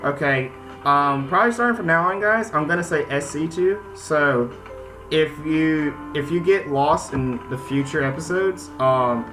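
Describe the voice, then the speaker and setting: A man with a slightly high, unhurried voice hosts a gaming video, giving casual let's-play commentary as he reads game text aloud and reacts informally. The recording is rough, with music playing under his voice.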